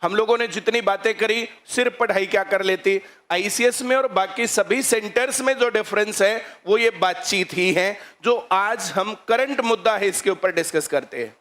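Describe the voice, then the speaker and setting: High-voiced man lecturing students. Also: a bit bright. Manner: rhetorical, questioning the audience. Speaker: coaching centre teacher. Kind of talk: lecture to students on current affairs.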